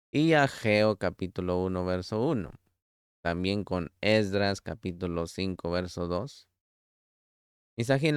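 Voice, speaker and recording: A man teaching a sermon-style Torah study, reading scripture aloud and speaking directly to his listeners in a deliberate way. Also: fairly low pitch, clear, resonant tone, no echo, studio quality. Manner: addresses listener directly as beloved. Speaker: preacher.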